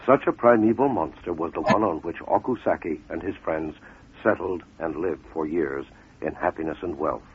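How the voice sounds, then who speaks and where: Speaking low and a little rough, a man narrates a fable with the deliberate, measured cadence of a scripted dramatic storyteller, pausing for effect. The radio recording has a muffled quality.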